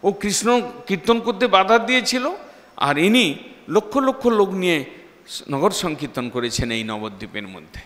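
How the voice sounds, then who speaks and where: Man, monk preacher, fairly high voice, devotional sermon, chanted verses, long hall reverb. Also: very animated, normal speed, a bit bright. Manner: chants Sanskrit verses between storytelling, rising and falling dramatically.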